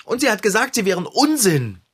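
A man playing an indignant young male friend who tells his grievance animatedly, with big jumps in pitch. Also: very animated, brisk, fairly bright tone, husky, full character voice.

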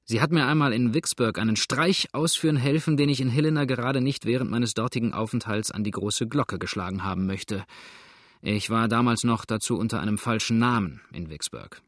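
A man reading an audiobook voices a vain, mocking younger rider, speaking a little higher than his own voice. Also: a little fast, dry recording, studio quality, natural voice. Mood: dismayed. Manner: mocking, laughing tone.

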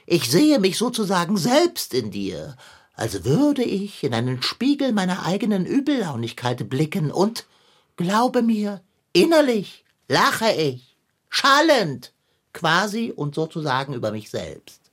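A woman's voice: on the low side, wildly swooping pitch, a little slow, slightly rough, heavily acted. A woman voicing a pompous, long-winded philosopher figure in a children's radio play, speaking in a lofty, wordy manner.

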